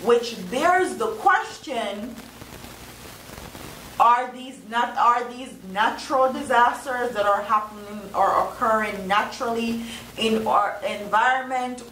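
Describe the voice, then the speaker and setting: A woman's voice: a little high, fairly bright tone. A Jamaican woman talks earnestly to her viewers and puts questions to them. Her voice echoes off the hard walls of a bathroom, and the mic sits some distance from her. Faint background noise runs underneath. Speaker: vlogger. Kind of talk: casual vlog commentary. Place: bathroom while travelling.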